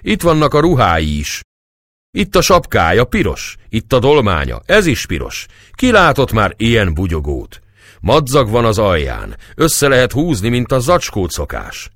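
A man's voice: fairly low pitch, wildly swooping pitch, fairly bright tone, dry recording, clean studio sound, pitched above the performer's own voice, full character voice. A man voicing a skinny, hook-nosed old baker woman in a storybook reading. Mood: coaxing. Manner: fussy, triumphant.

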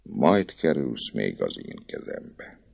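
A man's voice: low-pitched, very animated, darkish tone, dry recording, pitched above the performer's own voice. A man voicing a stern, impatient middle-aged archdeacon who speaks curtly and harshly. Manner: curt, harsh, commanding.

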